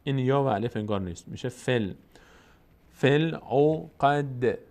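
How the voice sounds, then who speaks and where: A man teaching the rules of Quran recitation, explaining in plain speech and then reciting verses slowly and drawn out. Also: medium pitch, a little mellow.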